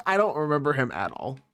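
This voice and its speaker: A man's voice: fairly high pitch, big pitch swings, moderate pace, a bit bright, no echo. A man co-hosting a podcast in playful casual chat, laughing often. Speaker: podcast co-host.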